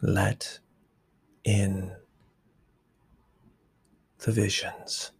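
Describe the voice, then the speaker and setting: A man leading a guided meditation, giving slow, soft instructions that often drop to a whisper. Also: low voice, level tone, creaky, husky.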